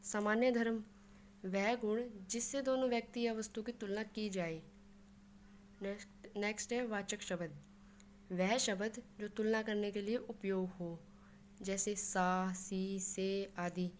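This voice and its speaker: A woman's voice: mid-range voice, steady tone, measured pace, slight background noise. A woman explaining a Hindi grammar lesson, working through examples step by step and mixing English words into her Hindi.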